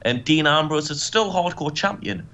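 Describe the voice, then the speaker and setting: A man's voice: on the high side, expressive, moderate pace, sharp tone, dull audio. A man hosting a let's play, giving casual, joking commentary on a wrestling game. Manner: joking, wry.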